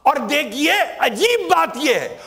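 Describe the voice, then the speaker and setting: Male scripture lecturer, high voice, slow emphatic delivery, echoing lecture hall. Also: sing-song, gravelly, fairly bright tone. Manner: slow and emphatic, drawing out single letters and words. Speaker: Quran lecturer. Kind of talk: religious lecture to an audience. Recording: long hall reverb.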